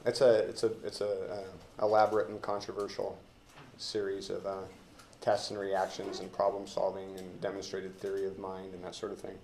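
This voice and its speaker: The recording, full of roomy classroom echo and background hiss, captures an American man leading an informal talk about a play indoors. He speaks in a low, monotone, darkish voice, joking and rambling in a halting, colloquial way as he feels his way through.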